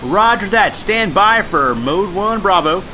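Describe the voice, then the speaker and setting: Man playing male astronaut on mission radio: raised, bright voice, clipped procedural call-outs, re-enactment. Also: high voice, lively intonation, measured pace, slight background noise, pitched above the performer's own voice, exaggerated voice, poor audio. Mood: brisk, official.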